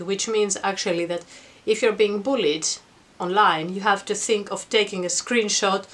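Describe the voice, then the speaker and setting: A middle-aged woman giving an informal explanatory talk to camera in a reflective, earnest, conversational manner. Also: lowish voice. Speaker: vlogger. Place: attic at home.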